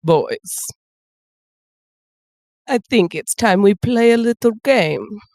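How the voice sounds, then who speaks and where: A woman voicing a sinister possessing spirit in a tabletop role-play, slow, coaxing and menacing. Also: mid-range voice, expressive, darkish tone, dry recording.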